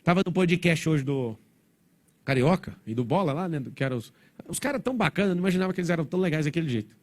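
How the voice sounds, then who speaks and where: Man, motivational speaker on stage; fast, slightly high voice; blunt, provocative delivery to a live crowd. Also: lively intonation. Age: adult, father of four. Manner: blunt, provocative, rapid-fire.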